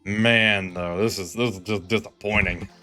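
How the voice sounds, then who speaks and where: A man with a fairly low voice talks through his game as he plays, jumping from calm planning to frantic pleading at the screen. He pokes fun at his own mistakes, and soft game music plays underneath. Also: moderate pace. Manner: self-deprecating, excitable, groans and pleads at the game. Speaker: gaming streamer. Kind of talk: live gameplay commentary.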